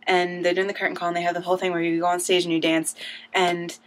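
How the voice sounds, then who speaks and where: A woman's voice: lowish voice, little pitch movement, fast, slight background noise. Bubbly gushing young woman vlogger. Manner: bubbly, gushing, says "like" a lot. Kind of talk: casual storytelling vlog. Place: at home, indoors.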